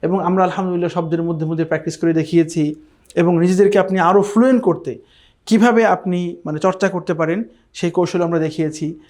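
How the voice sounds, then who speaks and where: A man teaching a Quran reading class, patiently drilling pronunciation and slowly chanting short verses. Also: high-pitched, steady tone, darkish tone. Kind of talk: recorded online lesson.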